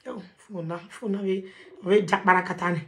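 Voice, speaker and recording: A woman with a Nigerian accent hosting a live video call, animated and confrontational, mixing Pidgin English. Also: medium pitch, fairly quick, slight background noise. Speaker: talk show host.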